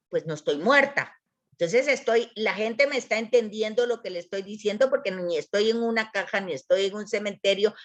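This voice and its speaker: A woman's voice: fairly high pitch, highs cut off. A woman teaching a Bible literature class online, explaining patiently and often checking with "¿verdad?". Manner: explains patiently, repeats words, frequent "¿verdad?".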